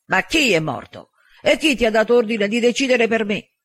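A man's voice: high-pitched, brisk. Field: a man reading an indignant young man. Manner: protesting, snappish. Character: indignant young man, the only human among wolves. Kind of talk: audiobook dialogue.

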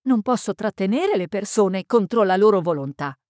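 A woman's voice: medium pitch, animated, moderate pace, a little mellow, no echo, studio quality, lightly acted. A woman reading the part of a proper, anxious female library director. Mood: urgent.

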